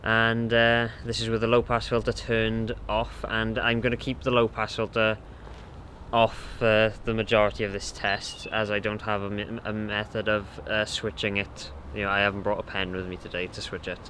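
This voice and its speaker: A man's voice: fairly low pitch, little pitch movement, normal speed, pushed and bright. A young man giving a casual, rambling, hesitant microphone test outdoors, with wind on the mic. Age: young adult. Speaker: audio gear reviewer. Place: outdoors in a windy garden. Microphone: shotgun mic or handheld recorder on a stand.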